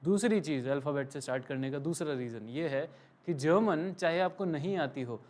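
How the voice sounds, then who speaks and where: A male language teacher giving a live classroom lesson, patiently drilling letters with pauses for students to repeat and mixing English phrases into his explanations. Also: on the high side, expressive, a little mellow. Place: classroom with some students present.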